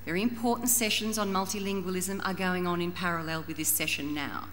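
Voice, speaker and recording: A woman's voice: fairly low pitch, steady tone, a little fast, fairly bright tone. Formal Australian woman presenting in an echoey hall. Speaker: panel presenter introducing and restating a colleague's talk. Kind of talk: public panel presentation. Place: large conference room. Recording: echoey hall with background noise.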